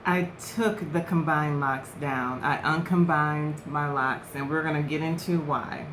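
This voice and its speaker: A young adult woman vlogging in a relaxed, chatty way, talking to camera at home while eating. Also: deep voice, measured pace, echoey room, noisy background. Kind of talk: casual chat to camera.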